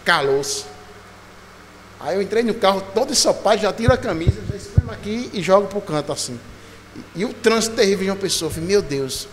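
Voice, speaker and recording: A male pastor preaching a sermon, telling a lively story and acting out voices and sounds. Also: sits high, fairly quick, slight background noise. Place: church. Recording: church hall reverb, faint ambience.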